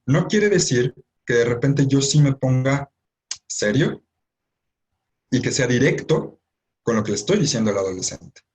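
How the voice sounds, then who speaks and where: A man with a Mexican accent speaks to parents in a relaxed, conversational way. He often pauses to check that his listeners follow along. His voice sits at an ordinary middle pitch. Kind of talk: informal educational talk to parents.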